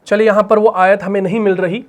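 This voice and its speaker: A male teacher explaining Arabic grammar in Urdu with a Pakistani accent. He asks questions and answers them himself, and at times recites Quran verses slowly. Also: high voice, flat delivery. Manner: repeats questions and answers them himself, adds "bhai" and "theek hai na". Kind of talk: explaining grammar while writing on a board.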